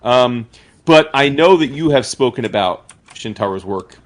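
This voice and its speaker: A man's voice: mid-range voice, expressive, unhurried. A man co-hosting a comics podcast, rambling and restarting his sentences in casual chat, with the odd swear. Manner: rambling, self-interrupting, swears. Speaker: podcast co-host.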